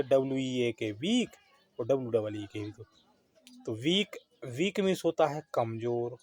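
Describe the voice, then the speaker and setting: A male English teacher giving a grammar lesson. He spells words out letter by letter, asks himself questions and answers them, and keeps checking in with a quick "hain?". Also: medium pitch, darkish tone, no room sound. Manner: ends phrases with a checking "हैं?".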